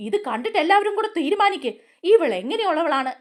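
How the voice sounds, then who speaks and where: A woman's voice: very high-pitched, big pitch swings, fast talker, pitched above the performer's own voice. A woman voicing an angry young man from a TV serial who heatedly accuses his relatives. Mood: insistent.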